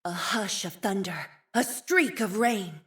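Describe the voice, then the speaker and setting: These are video game voice lines from a young woman cast as a composed and earnest scientist-leader. Her soft, a bit breathy voice sits at medium pitch with measured, formal, considered phrasing, and the animated delivery turns fierce and commanding.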